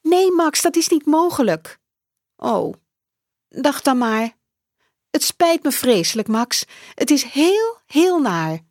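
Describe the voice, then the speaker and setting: A woman voicing a busy working mother on the phone, speaking high and emphatically in a storybook reading. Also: big pitch swings, slow, darkish tone, dry recording, studio quality, heavily acted. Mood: apologetic. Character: busy working mother, sorry but firm.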